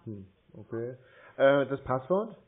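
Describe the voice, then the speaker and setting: On a long call heard through a tinny line, a man posing as the target drags things out with hums, fillers and little complaints. His medium-pitched voice is sing-song, slow and hesitant.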